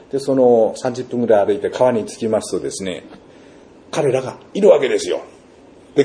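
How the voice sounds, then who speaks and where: Mellow-voiced man preaching with lively storytelling. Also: medium pitch. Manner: storytelling with vivid sound words and rhetorical questions. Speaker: pastor. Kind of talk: sermon.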